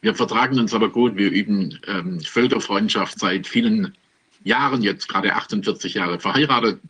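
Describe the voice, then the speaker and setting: A man in his seventies from Stuttgart, Germany, with a Swabian accent, introduces himself as a guest over a video call, relaxed and full of dry jokes. His voice is on the low side, a bit bright and slightly rough, at normal speed.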